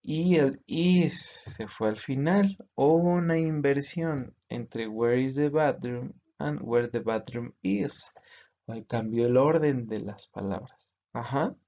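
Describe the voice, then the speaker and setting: A man's voice: mid-range voice, lively intonation, slow pace, dark tone, dull audio. A man teaching English grammar to students, patiently explaining in Spanish with English examples.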